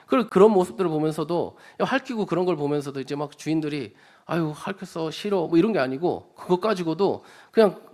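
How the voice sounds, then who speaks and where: A man's voice: on the high side, expressive, quick pace, hardly any pauses, darkish tone. Man preaching a conversational sermon. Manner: conversational, often asks the congregation questions; acts out quoted speech with rising emphasis. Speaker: church evangelist preaching.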